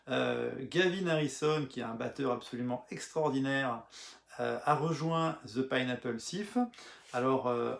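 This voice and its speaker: A man talking casually about an album as a music blogger, pausing often with filler sounds and restarting his sentences. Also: medium pitch, vocal fry. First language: French. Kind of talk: casual spoken album review. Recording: echoey room.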